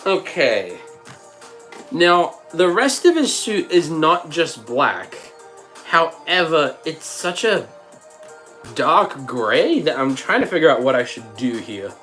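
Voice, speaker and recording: Still fighting a slight cough and a frog in his throat, this livestream host thinks aloud as he builds, chatting and reading viewers' messages aloud. His voice is a little high, sing-song and slow, pushed and bright. Faint music can be heard behind him.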